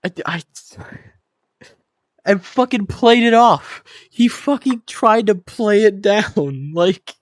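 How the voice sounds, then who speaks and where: A man's voice: sits high, expressive, slow pace, no room sound, clean studio sound. Crude, laughing young male streamer. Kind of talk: casual stream chat.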